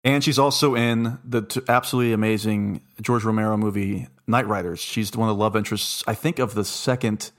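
A man's voice: on the low side, steady tone, fairly quick, hardly any pauses, fairly bright tone. A man hosting a casual film discussion, talking in an enthusiastic, jokey way. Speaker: podcast host.

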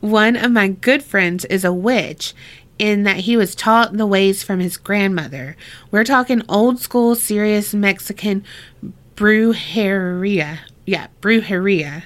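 A woman's voice: mid-range voice, a little slow, fairly bright tone. A woman co-hosting a podcast, chatting casually, reading a listener's story aloud, laughing often and swearing freely.

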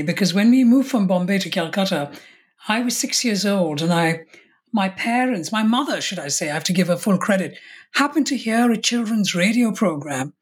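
A woman's voice: medium pitch, husky. A woman, a podcast guest in a conversational interview, speaking reflectively with restarts and self-corrections. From India.

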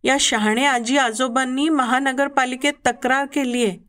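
Flustered storybook uncle voiced by a woman, loud, drawn-out protest. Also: high voice, steady tone. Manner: shouting, slow and drawn out. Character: society chairman uncle, worried adult man.

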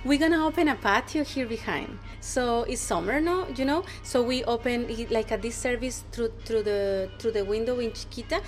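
A woman's voice: fairly high pitch, normal speed, hardly any pauses, faint music behind. A woman with a Mexican Spanish accent, a restaurant co-owner who talks in a casual interview and often restarts her phrases while she searches for English words.

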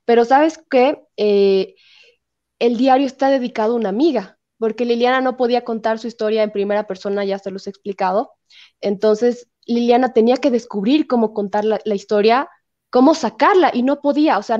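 A woman's voice: fairly high pitch, fairly quick, a little mellow, highs cut off. A woman, a guest telling a story emphatically and acting out the quotes she repeats. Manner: emphatic, voices quotes expressively. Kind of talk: animated storytelling in interview.

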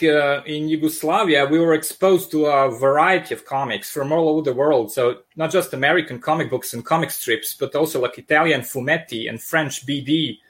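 Over a video call, a high-pitched man with a thick Serbian accent tells stories as a comic artist guest. He's animated and joking, often restarting his sentences, and the conversation stays loose and friendly.

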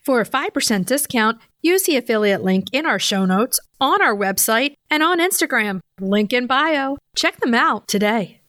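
A woman co-hosting a podcast, reading sponsor spots and chatting in a bubbly, excitable way. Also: a little high, normal speed, few pauses, no room sound, studio quality. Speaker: podcast co-host. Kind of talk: casual podcast chat and ad reads.

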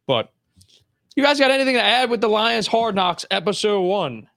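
A man's voice: sits high, sing-song, moderate pace, gravelly, fairly bright tone, no echo, studio quality. A man hosting a casual live-streamed sports podcast, chatting informally with his buddies.

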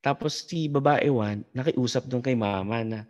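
A man, a podcast guest, telling a story in casual talk, halting and full of fillers and restarts. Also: mid-range voice.

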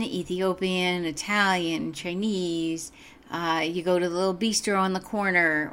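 A woman host reading her own self-help writing aloud in a calm, measured, earnest way. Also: lowish voice.

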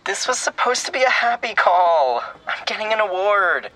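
An actor playing a sentimental, teasing young American younger brother in a naturalistic audio drama. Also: male voice, high-pitched, sing-song, moderate pace, sharp tone, exaggerated voice, poor audio. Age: young adult. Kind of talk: scripted audio drama, phone conversation.

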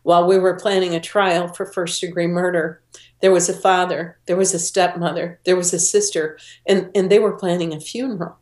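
A woman's voice: on the low side, steady tone, moderate pace, a little mellow. Earnest middle-aged woman in a roomy room. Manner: earnest storytelling, voices the people she quotes. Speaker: guest. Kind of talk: personal testimony in an interview. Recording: roomy echo.

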